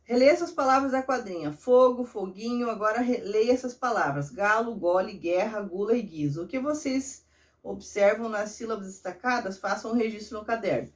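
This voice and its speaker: Brazilian woman teacher, patient and encouraging with kids, mid-pitched, a little distant from the mic. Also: normal speed. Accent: Brazilian Portuguese. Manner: patient, encouraging, explains step by step to children. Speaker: primary school teacher. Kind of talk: remote lesson walkthrough of a workbook.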